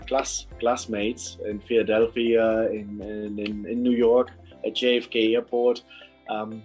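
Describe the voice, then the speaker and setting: Low-voiced man from Germany. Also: darkish tone, rough recording. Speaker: airline executive. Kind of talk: testimonial.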